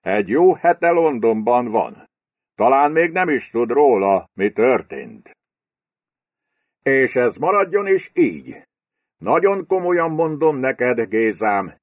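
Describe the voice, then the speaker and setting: A man's voice: mid-range voice, sing-song, dry recording, clean studio sound, voice pushed up. A man playing a brutal fat property shark. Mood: menacing. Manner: menacing, bullying, crude. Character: fat, brutal male property speculator, domineering. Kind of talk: audiobook character voice.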